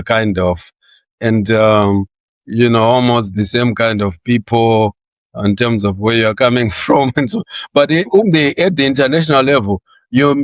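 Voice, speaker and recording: A man from Zimbabwe in his sixties, talking about his career in a relaxed interview, laughing often and repeating words as he gets going. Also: medium pitch, dry recording. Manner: chatty, laughs often, repeats words when starting sentences. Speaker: interview guest.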